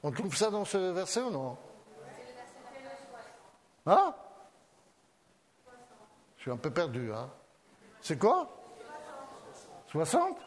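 A man's voice: high voice, huge pitch swings, slow pace, long pauses. A man preaching a sermon. He talks in a hesitant way, often loses his place and repeats himself. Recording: long reverb of a large hall.

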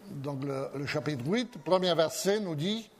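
A man's voice: on the high side, lively intonation, measured pace. A man preaching a sermon. He talks in a hesitant way, often loses his place and repeats himself. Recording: long reverb of a large hall.

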